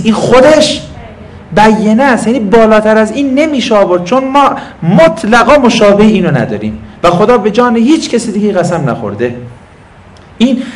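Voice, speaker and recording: High-voiced man teaching a lecture class. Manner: explains patiently, asks and answers own questions; talks to students present. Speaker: religious teacher.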